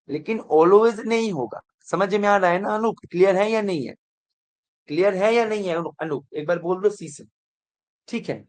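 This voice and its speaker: A male math teacher giving an online exam revision lecture, mixing English terms into his talk and often asking whether students are following. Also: high voice. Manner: keeps checking if students follow; mixes English terms into Hindi.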